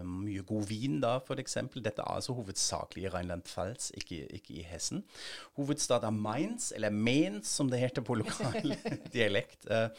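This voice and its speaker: A man from Germany, a native German speaker, co-hosting a podcast and explaining in a relaxed way with light laughs. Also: deep voice. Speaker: podcast co-host. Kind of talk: conversational explainer.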